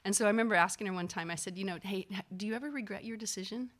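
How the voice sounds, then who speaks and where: A physician assistant recounts a personal story in a mid-range voice, speaking very fast. She's casual and animated, full of fillers, and acts out the people she quotes.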